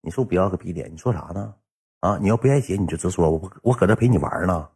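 A man voicing his furious young girlfriend, who swears and threatens him in a husky voice. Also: low-pitched, expressive, racing, darkish tone, voice pushed down, exaggerated voice. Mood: seething.

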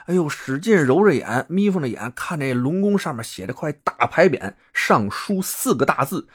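A man's voice: a little high, very animated, normal speed, breathy edge. A man telling a folk tale in a playful, jokey way with asides as a podcast host. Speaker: storyteller host. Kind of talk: comic storytelling podcast.

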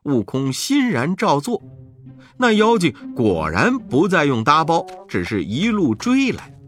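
A man narrating a children's story in a slow, expressive storytelling manner. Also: on the high side, soft background music.

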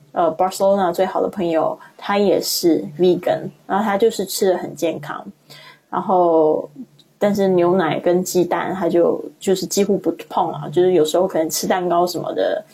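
A woman teaching English online, explaining patiently and repeating English words slowly to model their pronunciation. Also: lowish voice, warm tone, slightly rough. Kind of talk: online language lesson.

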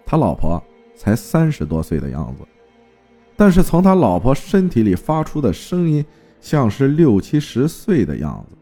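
Expressive male storyteller, mellow tone. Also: mid-range voice, moderate pace, soft background music. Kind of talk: spoken folk ghost story narration.

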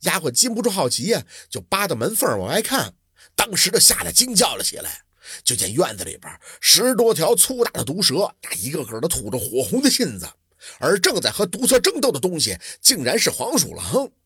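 A male storyteller with a husky, raspy voice who tells a traditional tale with dramatic flair. His pitch sits a bit high and swings widely. The recording is dry and close. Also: fairly quick, no echo. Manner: dramatic, lively, vivid delivery.

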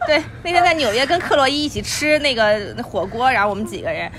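A young woman chatting on a podcast, telling anecdotes in an animated way. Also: high voice, quick pace, slight background noise. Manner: animated, laughing storyteller. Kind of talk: casual chat.

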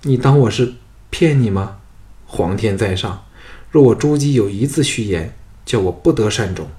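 A man reading the lines of a scheming, vengeful young noblewoman in a soft, subdued voice. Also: fairly low pitch, unhurried.

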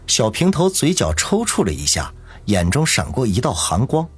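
Husky male storyteller, lively delivery, audiobook narration. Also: mid-range voice, moderate pace. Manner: dramatic storytelling. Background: faint music.

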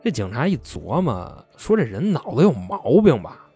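A man's voice: mid-range voice, big pitch swings, measured pace, dark tone, slightly rough, soft background music. A man casually telling a true-crime story in a chatty, colloquial way.

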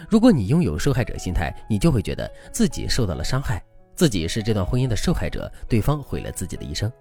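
A man hosting a relationship advice podcast, telling a story in an animated, dramatic way, with faint music behind. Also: lowish voice, quick pace, vocal fry.

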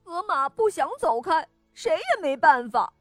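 A woman's voice: sing-song, measured pace, no room sound, faint music behind, exaggerated voice. A woman voicing a smug, squawking know-it-all parrot in a children's story. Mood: scolding. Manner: shrill, squawky, gloating. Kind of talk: storybook reading.

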